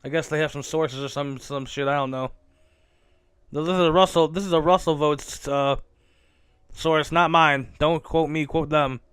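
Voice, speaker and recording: A man's voice: a little high, fairly even intonation, moderate pace, a bit bright, clean tone, dry recording, studio quality. A man hosting a casual solo commentary podcast, rambling, cursing and correcting himself as he goes. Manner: rambling, self-correcting and profane. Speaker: podcast host.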